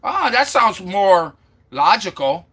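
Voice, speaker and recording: A man from Florida hosts a casual live stream, his voice high and very bright. He talks at an unhurried pace, repeating and sounding out viewers' names as he chats. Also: sing-song, breathy edge. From Florida, USA. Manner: chatty, sounds out names from chat again and again.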